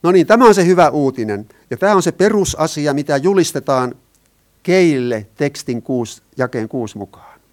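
A man's voice: a little high, lively intonation, darkish tone. A man preaching a sermon, stressing his points and putting rhetorical questions to the congregation. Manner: asks the listeners rhetorical questions, rises and falls in emphasis.

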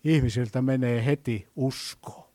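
A man preaching a sermon, telling a story and asking his listeners questions, his voice swinging between hushed and loud. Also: mid-range voice, fairly even intonation.

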